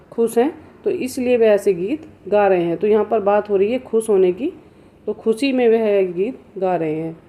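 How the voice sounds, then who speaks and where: Woman teaching an exam prep lesson, dark tone. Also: mid-range voice. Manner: slow, measured reading of verse lines; explains step by step with rhetorical questions.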